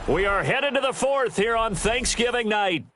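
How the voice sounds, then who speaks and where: A man playing a TV play-by-play football announcer in a video game, calling each snap in a crisp broadcast manner. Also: extremely high pitch, lively intonation, moderate pace. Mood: steady. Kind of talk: sports commentary. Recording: loud game crowd noise.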